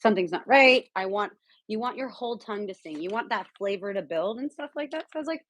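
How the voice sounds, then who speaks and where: A woman's voice: mid-range voice, animated, fast, fairly bright tone, no room sound, poor audio. Chatty woman guest cook, dry sound. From San Diego, California. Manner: chatty, lots of fillers. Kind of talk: casual cooking chat.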